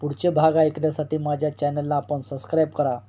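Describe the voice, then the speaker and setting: A man reading a novel aloud as a storyteller and channel host, in an expressive, dramatic way. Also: on the high side, brisk.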